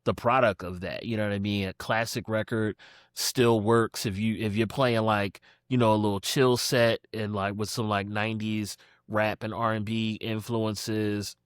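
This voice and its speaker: A man's voice: fairly low pitch, little pitch movement, normal speed, clean tone, dry recording, studio quality. A man from Philadelphia, a podcast guest, talking casually about music with lots of fillers and acted-out quotes. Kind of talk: casual conversation.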